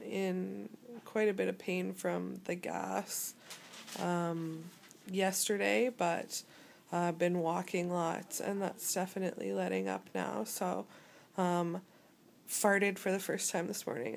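A young woman, tired and weak after surgery, giving a halting, low-energy casual video update from bed into a phone. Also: gravelly. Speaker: vlogger. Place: small hospital room, lying in bed. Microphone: phone at arm's length. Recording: noisy phone recording in hospital room.

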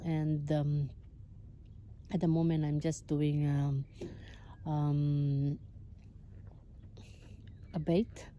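Low-voiced woman vlogging outdoors. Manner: chatty, halting with many fillers. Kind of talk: casual fishing vlog. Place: outdoors by a canal. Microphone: phone held at arm's length. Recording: loud outdoor noise.

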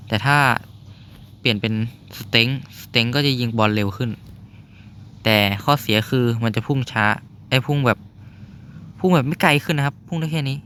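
A man's voice: medium pitch, fairly bright tone, a little hiss or hum. Young man chatting through gameplay. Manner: chatty, explains while playing, reacts with exclamations. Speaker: gaming YouTuber. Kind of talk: casual gameplay commentary. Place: noisy spot at home.

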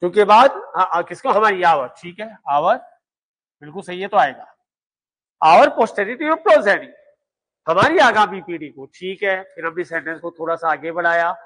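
A man's voice: high voice, moderate pace, fairly bright tone. A middle-aged man teaching a coaching class, emphatic and repetitive, firing rhetorical questions at students. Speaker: law exam coaching teacher. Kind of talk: classroom lecture.

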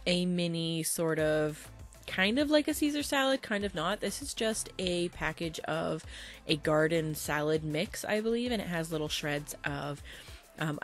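Chatty mom narrating her meal prep. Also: on the low side. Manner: chatty, friendly, explains step by step. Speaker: vlogger, mother of two boys.

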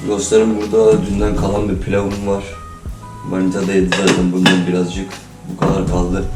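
A man's voice: low voice, a little mellow. A man chatting casually to his viewers in a vlog, his voice sounding a little robotic from being under the weather. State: slightly robotic-sounding voice from a recent illness. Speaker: vlogger. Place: indoors in a holiday flat, at table and kitchen. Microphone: camera on a tripod, some distance away. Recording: roomy echo, distant mic, music underneath. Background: music.

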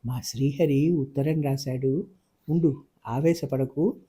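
A man voicing an anxious, tender middle-aged father in a storybook reading, speaking in a hushed, hesitant way. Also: medium pitch, steady tone, slow, slightly rough. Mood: hushed worried.

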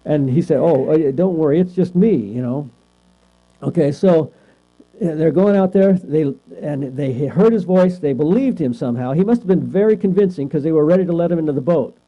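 A man's voice: fairly high pitch, animated, normal speed. A man teaching a Bible class in a conversational way, often asking the class questions and checking in with "right?". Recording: lo-fi recording with mains hum.

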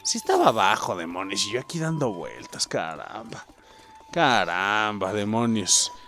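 A young adult man with a Mexican accent giving excitable gameplay commentary, swearing and yelping as he plays. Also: fairly low pitch, measured pace, faint music behind. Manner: excitable, swearing, yelps and shouts. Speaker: gaming youtuber.

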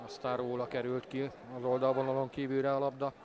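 A man giving measured live commentary on a football match. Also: mid-range voice, completely flat delivery. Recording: crowd noise from stadium. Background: stadium crowd.

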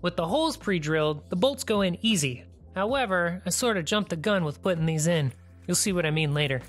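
Calm, practical DIY tutorial narrator. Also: mid-range voice, fairly quick, faint music behind. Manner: plain, practical step-by-step explaining. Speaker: DIY channel host. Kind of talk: scripted tutorial voice-over.

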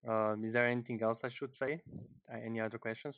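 Over a headset on a group call, a thirty-year-old man with a Slovenian accent introduces himself informally, hesitant and frequently repeating words. He talks fast in a steady, medium-pitched voice with no room sound, and the call audio is muffled and narrow like a phone line.

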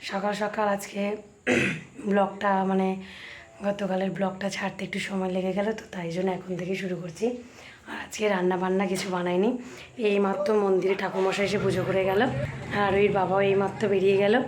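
A woman, talking chattily to her viewers in a home vlog while hoarse from a cold. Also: medium pitch, level tone, fairly quick, darkish tone, a little hiss or hum. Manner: chatty, homely, addresses viewers as friends. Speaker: family vlogger. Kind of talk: casual home vlog talk.

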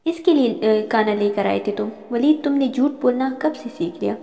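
A woman's voice: on the high side, normal speed, vocal fry, dark tone. A woman voicing an angry middle-aged mother who accuses her son and resents his bride. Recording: long reverb.

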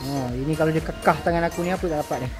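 A man with a Malaysian Malay accent, chatting excitedly to viewers on a walking tour vlog through an outdoor petting zoo. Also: a little high, very fast, music in the background. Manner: chatty, excitable, keeps addressing viewers as guys. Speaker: vlogger.

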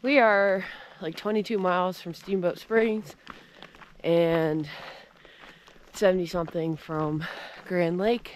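A woman's voice: fairly low pitch, fairly even intonation, slow pace, a little hiss or hum. A woman vlogging casually while hiking up a mountain trail, upbeat and chatty, out of breath from the climb. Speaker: thru-hiker vlogger.

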